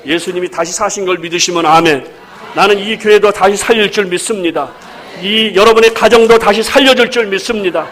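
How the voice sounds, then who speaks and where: A man with a notably high voice delivers a sermon to his congregation. He preaches with energy and humor, slipping into acted-out domestic scenes and rising to fervent declarations. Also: brisk, a bit bright, slight background noise. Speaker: pastor.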